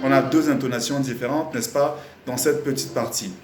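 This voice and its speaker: A man teaching a live singing lesson, explaining slowly and repeating himself with many fillers, breaking into short sung examples. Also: mid-range voice, fairly even intonation, roomy sound, over music. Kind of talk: live online music lesson.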